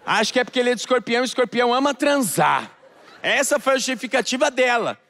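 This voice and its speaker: High-voiced Brazilian stand-up comedian. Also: male voice, fast talker, creaky. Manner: animated, acts out the voices in the story. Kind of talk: stand-up storytelling. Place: theater stage before a live audience.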